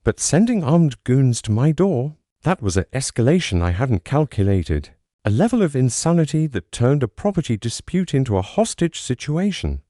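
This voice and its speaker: A man's voice: mid-range voice, very animated, moderate pace, dark tone, no echo, clean studio sound. A man reading a scripted first-person story aloud in a dramatic, suspenseful storytelling manner. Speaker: narrator.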